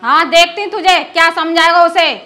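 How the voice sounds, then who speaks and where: A woman's voice: very high-pitched, fairly even intonation, normal speed, sharp tone, soft background music. A scolding village mother-in-law. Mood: indignant. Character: scolding rural mother-in-law, middle-aged woman. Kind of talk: rural film drama acting.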